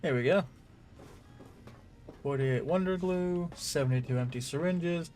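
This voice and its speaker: A man's voice: on the high side, measured pace, a little mellow, soft background music. A man giving casual gameplay commentary, chatty, laughing often and swearing freely. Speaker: gaming streamer.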